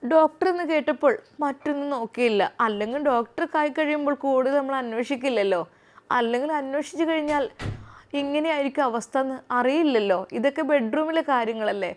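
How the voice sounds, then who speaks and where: Woman storyteller, fairly high voice, emotional expressive narration. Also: brisk.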